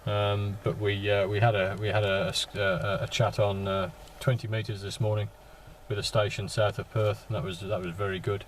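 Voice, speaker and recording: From his parked vehicle, amid some background noise, a male ham operator makes easygoing radio contact with call signs. He sounds flat and low, pausing haltingly and echoing his own words.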